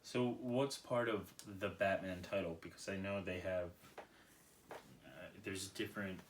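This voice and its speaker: A young man co-hosting a casual chat, curious and full of quick questions and reactions. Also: low-pitched, slight background noise. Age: young adult. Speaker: co-host asking questions.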